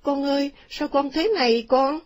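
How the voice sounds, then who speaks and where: Fretful older mother, shrill, high pitch, voiced by a woman narrator. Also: normal speed, breathy edge. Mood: panicked. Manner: shrill, excitable.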